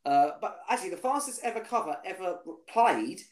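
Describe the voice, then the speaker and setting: A man's voice: high-pitched, lively intonation, brisk. Chatty man quizzing a guest. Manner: chatty, quizzing his guest, many restarts and fillers. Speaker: podcast host. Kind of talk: casual chat. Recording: echoey room.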